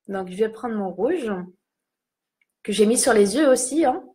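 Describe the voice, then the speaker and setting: Putting on lipstick during a makeup tutorial, this young woman talks casually to her viewers and jokes at her own expense. Her voice is on the high side and mellow, with a lively intonation and a slightly slow pace.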